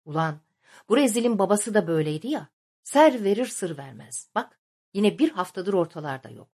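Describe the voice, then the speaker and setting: A woman's voice: mid-range voice, very animated, moderate pace, dark tone, slightly rough. A woman reading the lines of an angry male village headman in an audiobook, muttering curses and threats. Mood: grumbling, vengeful.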